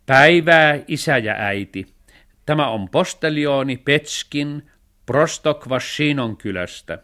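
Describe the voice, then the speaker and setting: A man's voice: mid-range voice, lively intonation, bright, forceful tone, pitched above the performer's own voice. A man voicing a nosy, fussy village postman in a radio storybook reading, pedantic and officious. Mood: chatty.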